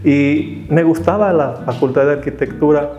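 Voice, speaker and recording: Guitar music plays behind this roomy, slightly dull recording of a Mexican man in his fifties. With a fairly high, warm voice at a normal speed, he thoughtfully tells the story of his life as an artist and teacher in an interview.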